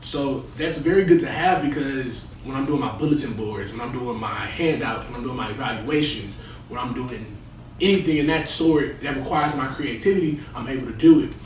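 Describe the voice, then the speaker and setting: A man's voice: medium pitch, moderate pace, close to an everyday voice. A young man playing a resident assistant in a comedy skit interview, talking colloquially about himself. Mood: earnest. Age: young adult. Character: young male resident assistant, cocky and boastful or earnest. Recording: echoey room, distant mic, noisy.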